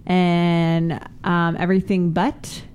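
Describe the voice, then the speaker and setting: A woman's voice: fairly low pitch, flat delivery, takes it slowly, a little mellow. Giggly New Jersey woman, casual, noisy room. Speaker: adult film performer, guest on the show. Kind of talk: casual chat.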